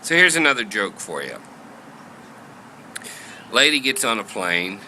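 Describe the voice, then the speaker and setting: A man's voice: lowish voice, sing-song, a little slow, sharp tone, a little hiss or hum, low-quality recording. A man in a casual daily vlog, talking in a chatty, self-deprecating way with frequent laughs, at home in his kitchen. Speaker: vlogger.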